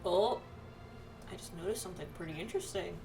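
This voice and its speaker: Against game music and on a rough recording, a woman with a lowish, dark-toned voice talks fast. She's a streamer playing a game with friends, casually reading quest text out loud and muttering to herself.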